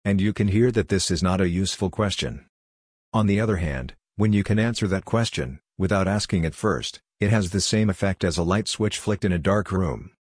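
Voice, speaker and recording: Low husky-voiced man coaching. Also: normal speed, no room sound, studio quality. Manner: earnest, direct, addresses the listener. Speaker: life coach. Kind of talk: reflective self-help monologue.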